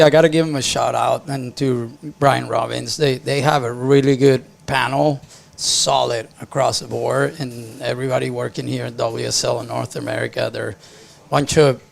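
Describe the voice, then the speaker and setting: A man's voice: mid-range voice, vocal fry. A man offering casual live commentary as a surf contest announcer and local expert.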